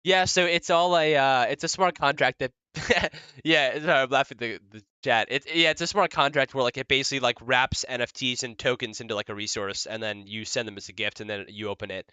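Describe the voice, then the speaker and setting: Bright, clear-voiced joking man. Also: mid-range voice, steady tone, fast talker, hardly any pauses, no echo, muffled recording. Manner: joking, self-mocking, laughs often; chatty with many fillers and restarts. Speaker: developer presenting his project. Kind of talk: casual livestream demo.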